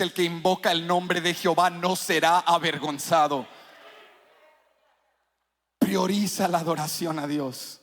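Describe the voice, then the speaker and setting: Bright-voiced pastor preaching in a reverberant church. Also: male voice. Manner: preaching that swells into sung, shouted climaxes, then drops low. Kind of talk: sermon. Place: large church hall.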